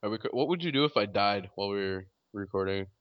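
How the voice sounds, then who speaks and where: A man's voice: on the low side, lively intonation, fast, dry recording, muffled recording. A young man co-hosting a casual podcast, joking in a laid-back way. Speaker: podcast co-host.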